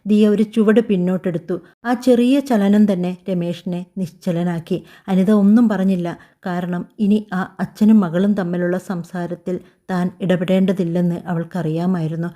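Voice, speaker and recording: A woman narrating a scripted family story in a calm, even, unhurried way. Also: lowish voice.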